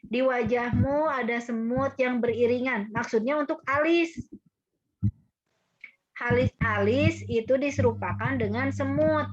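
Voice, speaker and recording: Woman teacher, coaxing questions, slightly high voice, dull call audio with music behind. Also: measured pace. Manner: coaxing, repeats questions to students. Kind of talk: online class teaching.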